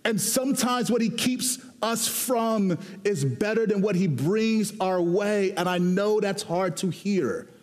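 A pastor from Houston, Texas, with a high-sitting voice, preaches a sermon in a conversational, animated style. He shifts between quick asides and slow, emphatic lines, and a long hall reverb colors the recording.

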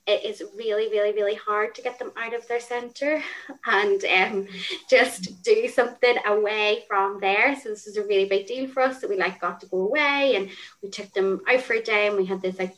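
A woman presents her work on a panel with eager, chatty enthusiasm. Her voice sits at an ordinary middle pitch, and she leans on casual fillers as she talks. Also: a bit bright, poor audio. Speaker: children's rights project worker.

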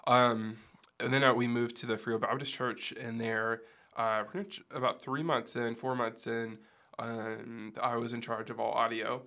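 A man with a gravelly, hoarse voice that sounds like it is giving out, chatting casually as an interview guest. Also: mid-range voice, level tone, normal speed, bright, forceful tone. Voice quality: gravelly, losing his voice. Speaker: podcast guest, church production staff. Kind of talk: casual interview, recounting his background.

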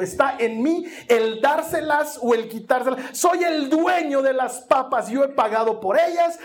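A man preaching a sermon as pastor, emphatic and animated, telling stories and putting rhetorical questions to the congregation. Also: high voice.

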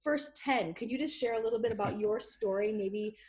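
A woman's voice: on the high side, brisk, a little mellow. A woman with a North Dakotan accent, co-hosting a casual conversational interview. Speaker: podcast co-host interviewer.

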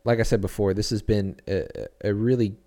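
Young male pastor guest, low warm voice, earnest and searching, lots of ums and restarts. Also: steady tone, fairly quick. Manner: earnest, reflective, with many fillers and restarts. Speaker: children's church pastor, guest. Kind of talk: casual podcast interview.

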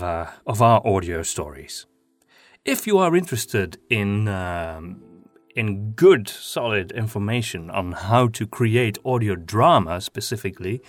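A Flemish man from Flanders, whose first language is Flemish, hosts a podcast and talks about his writing as an audio drama writer. His lowish voice is hesitant, full of pauses, ums and restarts, as he moves from a casual monologue to reading his own article.

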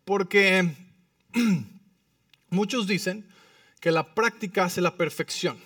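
Pastor preaching with emphatic call-and-response. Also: male voice, high-pitched, slow, no echo, studio quality, far from the mic. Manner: frequent tag questions to the congregation; shifts between soft intimate asides and emphatic lines. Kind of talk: sermon. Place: church.

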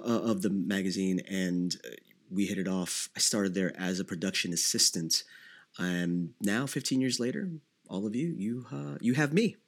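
A man in his thirties from the Philippines hosting his podcast alone, answering listener questions in a conversational way with many fillers and restarts. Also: deep voice. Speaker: podcast host. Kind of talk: solo podcast Q&A.

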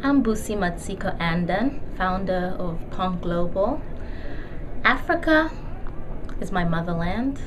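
A woman, a company founder, giving a personal testimonial. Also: medium pitch. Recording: clear ambient background noise.

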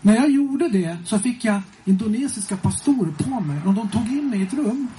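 A man telling a lively testimony to a congregation as a preacher, swinging between hushed and loud and often chuckling. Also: high voice, poor audio. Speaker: preacher and singer.

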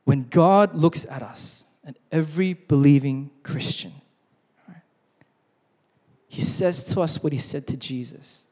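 A man preaching a sermon as pastor, earnest, repeating key phrases and slowing down to read scripture. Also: a little high, a little mellow. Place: church hall. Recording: long reverb in a large hall.

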